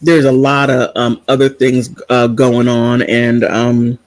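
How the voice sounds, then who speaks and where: A man's voice: medium pitch, monotone, slow, no room sound, low-quality recording. A middle-aged man chatting in a casual vlog, sassy and digressive, wandering off topic and back. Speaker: vlogger.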